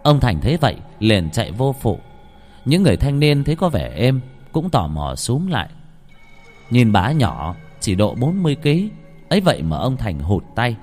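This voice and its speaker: A man narrating a scripted horror story, dramatic and expressive. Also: mid-range voice, normal speed, soft background music. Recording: long hall reverb.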